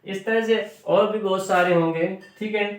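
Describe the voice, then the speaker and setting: A man teaching a spelling lesson, who repeats words slowly and often asks and answers his own questions. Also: sits high, fairly even intonation. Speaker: Hindi teacher. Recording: roomy echo, distant mic.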